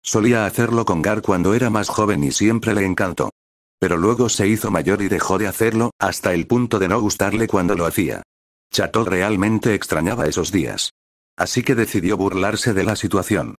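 A man narrating a fan fiction story in a steady storytelling manner. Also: fairly low pitch, moderate pace, dry recording, clean studio sound.

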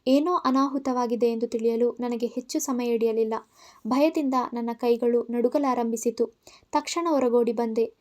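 A woman storyteller narrating in the first person, reading with feeling and clear expression. Her voice is high and light throughout. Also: fairly even intonation, moderate pace, darkish tone.

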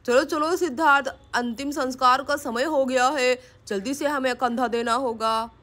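A woman's voice: high voice, steady tone, normal speed, fairly bright tone, voice pushed down. A woman voicing a stern elder man doll who gives firm orders to the family. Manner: firm, commanding.

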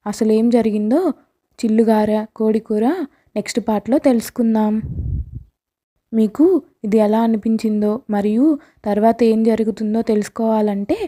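A woman narrating a village ghost story in a calm, matter-of-fact storytelling way. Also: on the high side, moderate pace, long pauses.

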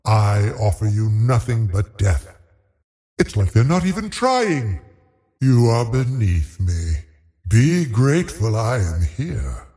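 A man voicing a cold, haughty undead lich sorcerer in a video game, speaking in a menacing, theatrical, deliberate way as he savors his cruelty. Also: fairly low pitch, sing-song, dark tone, big-room sound. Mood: wrathful, contemptuous. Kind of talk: video game villain voice lines.

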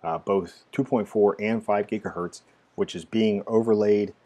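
A man narrating a casual screen-recorded software tutorial, explaining each step with frequent "uh" fillers. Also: lowish voice, steady tone, normal speed. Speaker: tech tutorial presenter.

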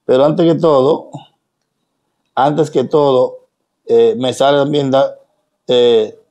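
A man's voice: medium pitch, fairly even intonation, takes it slowly, mellow. A man with a Dominican accent speaking straight to his followers, emphatic and preachy, full of rhetorical questions. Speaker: social media personality. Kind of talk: direct-to-camera monologue.

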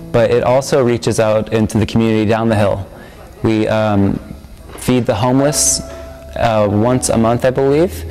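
A man's voice: fairly low pitch, darkish tone, low-quality recording. A young man, a student member of a campus ministry, speaking earnestly and reflectively in an interview testimonial, with frequent ums. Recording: music bed under the voice. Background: music.

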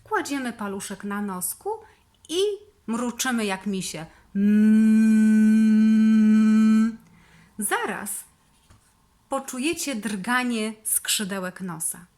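A woman with a Polish accent leading preschool children through speech therapy exercises, giving slow, sing-song, encouraging instructions. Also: medium pitch, lively intonation, a bit bright. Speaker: preschool teacher.

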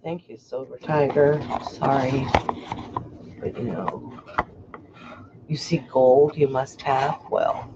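A woman's voice: very deep voice, steady tone, slow pace, long pauses. Woman co-host reading out auction bids. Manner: reads out bidders, chimes in with banter. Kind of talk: casual chat while calling bids. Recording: dull audio with clear hiss.

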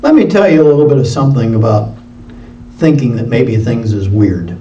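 A man preaching a sermon in a conversational way, moving between loud emphatic lines and quiet low asides. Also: lively intonation, normal speed, a little hiss or hum. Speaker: pastor. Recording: roomy hall sound from a distance, dull lo-fi.

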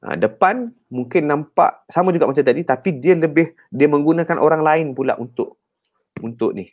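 Heard through a muffled recording, a Malaysian-accented counselor guest in a radio studio talks at normal speed in a slightly high voice. He lays things out in an animated, teacherly manner on the talk show, with plenty of "ha" and "kan."

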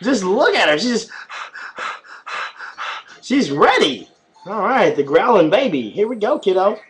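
A little slow and pitched high, this man's voice bubbles with animated, singsong baby talk aimed at his infant. He's in his thirties, filming a home vlog in a small room indoors with a webcam held at arm's length.

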